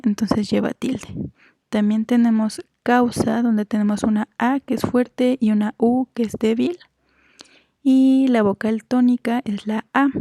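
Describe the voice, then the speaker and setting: Female teacher, slow even delivery, mellow tone; patient explainer who drags out example words. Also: a little high, no echo. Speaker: Spanish teacher. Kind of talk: explanatory grammar lesson.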